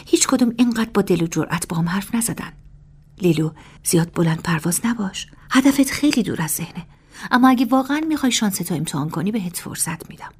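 A woman's voice: medium pitch, darkish tone, breathy edge. A woman voicing a proud young female general who speaks in a cool, teasing, half-whispered way.

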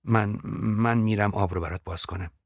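A man voicing a lonely young woman in love, soft and pleading, in a very deep voice. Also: steady tone, no echo, studio quality, natural voice. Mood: wistful.

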